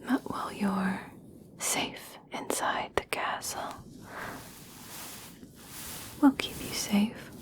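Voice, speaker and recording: A woman voicing a kind, reassuring young elf princess in a soft, breathy, soothing whisper for an ASMR personal attention roleplay. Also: mid-range voice. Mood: soothing, caring. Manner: slow, gentle, soothing, hushed.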